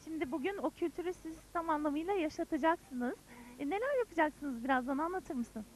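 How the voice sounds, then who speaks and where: High-pitched, fast-talking woman presenter. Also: lively intonation, a little hiss or hum, rough recording. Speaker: presenter interviewing guests. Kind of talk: upbeat broadcast field interview.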